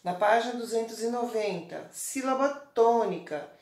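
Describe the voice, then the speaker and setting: A woman's voice: on the high side, moderate pace, roomy sound, background noise. A woman teacher with a Brazilian Portuguese accent giving a recorded online lesson to children, explaining patiently and checking in often. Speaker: primary school teacher.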